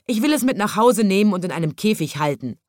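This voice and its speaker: A woman voicing a possessive older gentleman in a children's story, insisting loudly. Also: mid-range voice, animated, fast talker, no room sound, clean studio sound, voice pushed up, lightly acted. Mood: insistent. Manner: insistent, proclaiming.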